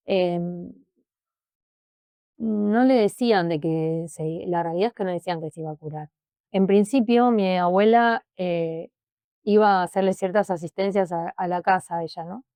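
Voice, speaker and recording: A woman with a Rioplatense Spanish accent, an interview guest giving a personal testimony, speaking emotionally and haltingly and often repeating words. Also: lowish voice, darkish tone, no echo.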